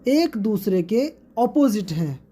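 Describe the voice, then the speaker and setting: A woman teacher with an Indian English accent, giving an exam-prep lesson and repeating each term slowly for her students. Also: mid-range voice, big pitch swings, mellow, husky.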